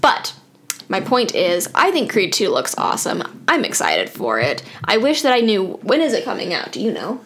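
A woman co-hosting a podcast in casual chat, rambling and poking fun at herself with quick asides. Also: mid-range voice, huge pitch swings, a bit bright. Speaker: podcast co-host.

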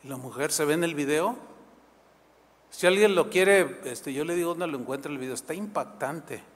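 A man preaching a sermon as pastor, telling a story with animated, emphatic delivery. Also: a little high, moderate pace. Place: church. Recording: long reverb in a church hall.

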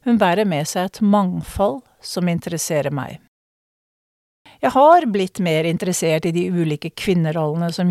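A middle-aged woman storyteller from Norway with a somewhat low voice. She speaks in a measured, reflective way and stretches some words for effect. The recording is close and dry, with no room sound. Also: a little mellow, no echo. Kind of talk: spoken storytelling performance.

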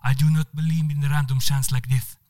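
Give me a man playing a charming Spanish diplomat with a put-on Spanish accent, lavishing flattery in broken English. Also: mid-range voice, lightly acted. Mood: overjoyed. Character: suave Spanish male diplomat, flirtatious. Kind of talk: comedic story reading.

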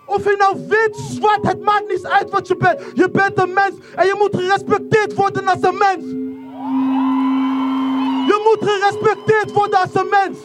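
A speaker from the Netherlands giving an impassioned protest speech outdoors, repeating lines and rising into shouts. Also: very high voice. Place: outdoor protest rally in rain. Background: faint crowd.

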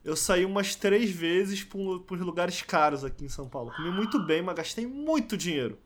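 A man's voice: high voice, expressive, normal speed. A young man chatting casually as a podcast guest, telling stories with lots of slang fillers. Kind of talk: casual chat.

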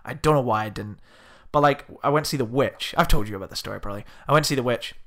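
A young man co-hosting a podcast in casual chat, animated and swearing often as he acts out the people in his stories. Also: medium pitch, racing. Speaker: podcast co-host.

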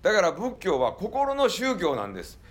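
A man's voice: high-pitched, huge pitch swings, normal speed. A man with a Kansai accent, a temple monk giving a joking, folksy talk to a tour group.

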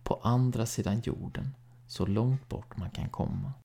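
Here a man with a mid-range voice, gravelly and husky, narrates a horror short story. He keeps a steady, measured calm, occasionally lowering to a near whisper.

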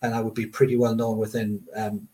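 A middle-aged man from Limerick with a west of Ireland accent, recalling sport in measured detail. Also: lowish voice, little pitch movement, mellow, rough recording. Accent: Irish, west of Ireland. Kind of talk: reminiscing sports discussion.

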